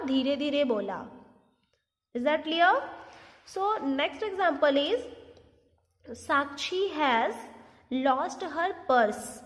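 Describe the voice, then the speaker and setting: A woman gives a grammar lesson at a very unhurried pace, spelling out each example with care. Her voice sits high. The sound carries a long reverb. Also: fairly bright tone. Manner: mixes Hindi explanations with slow, deliberate English examples; checks in often with "Is that clear?". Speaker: English teacher.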